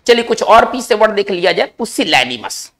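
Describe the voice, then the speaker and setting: Lively gravelly-voiced male teacher. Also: sits high. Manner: explains slowly in Hindi, often checks with "isn't it?". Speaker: English vocabulary teacher. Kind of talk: recorded spelling and vocabulary lesson.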